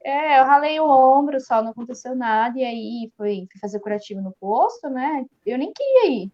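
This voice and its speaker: Young Brazilian woman guest, animated storyteller, high-ish voice on a dull, lo-fi stream. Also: moderate pace. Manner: lively storytelling, laughing often. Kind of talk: casual live video chat.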